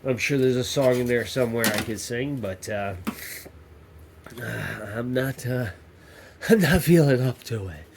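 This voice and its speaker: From his home workshop, a YouTube maker host with a blocked nose from a cold rambles and jokes, regularly cutting his sentences short. His voice is mid-range and unhurried with frequent pauses, against a noisy background.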